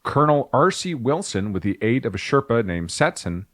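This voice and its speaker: A man's voice: medium pitch, very animated, normal speed. A man co-hosting a podcast, reading from his notes in a casual, jokey way and breaking off for asides. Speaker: podcast co-host.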